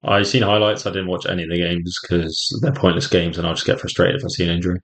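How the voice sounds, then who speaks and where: A man with an English accent co-hosting a football podcast, talking in quick, offhand casual chat. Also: low voice, flat delivery, low-quality recording. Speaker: podcast co-host.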